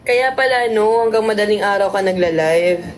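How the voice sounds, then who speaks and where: A woman's voice: mid-range voice, moderate pace, a little hiss or hum. Teasing woman co-hosting a livestream. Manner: teasing, questioning. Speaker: livestream co-host. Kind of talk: casual livestream chat.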